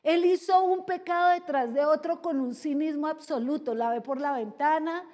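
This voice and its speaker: A woman pastor preaching a sermon in a lively, theatrical way, acting out the people she talks about. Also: high voice, normal speed. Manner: lively, theatrical, acts out characters. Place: large church hall. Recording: long reverb of a big church hall.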